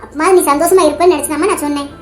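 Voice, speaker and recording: A woman's voice: sits high, fairly even intonation, rapid-fire, faint music behind, lightly acted. A woman voicing an affectionate, teasing old grandmother in a cartoon, with a Tamil Nadu accent. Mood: tearful. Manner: teasing, then tearfully apologetic. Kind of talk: cartoon voice acting.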